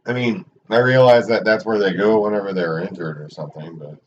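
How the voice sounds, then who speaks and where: A man with an Oklahoma Okie accent chatting casually and haltingly as a sports livestream commentator. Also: fairly low pitch. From Oklahoma, United States. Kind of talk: casual rambling chat during a match stream. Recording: muffled, distant mic with background noise.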